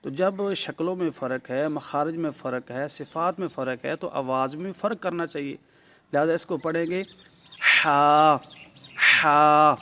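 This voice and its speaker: Middle-aged man, recitation teacher, slightly high voice, patient and methodical. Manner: patient, repeats points, models each syllable loudly and drawn out. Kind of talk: alphabet pronunciation lesson.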